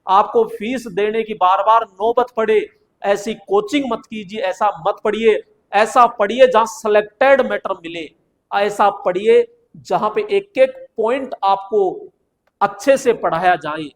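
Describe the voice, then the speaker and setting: Man with a high voice as a coaching teacher. Exam-prep lecture, chatty, repeats himself. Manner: chatty, asks students questions and answers them himself; repeats phrases for emphasis.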